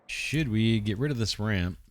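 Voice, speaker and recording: Low-voiced man musing through a game. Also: animated, no echo, clean studio sound. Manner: musing, unhurried, asks himself questions. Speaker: let's play host. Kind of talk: thinking aloud while playing a strategy game.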